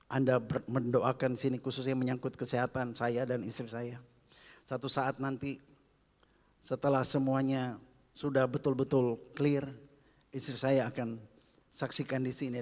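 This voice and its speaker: Preaching man in an echoing church. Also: mid-range voice. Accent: Indonesian. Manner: passionate preaching, swinging from loud calls to hushed whispers. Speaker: pastor. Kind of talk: sermon. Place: church hall. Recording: long reverb of a church hall.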